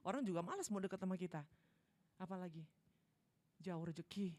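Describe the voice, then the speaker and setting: A middle-aged woman preaching a sermon in a church service, acting out worried voices and swinging between loud outbursts and hushed lines. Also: lowish voice, expressive, fairly quick.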